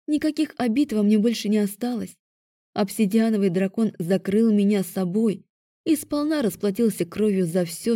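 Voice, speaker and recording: A woman narrating a first-person audiobook in a calm, measured way. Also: medium pitch, dry recording, studio quality.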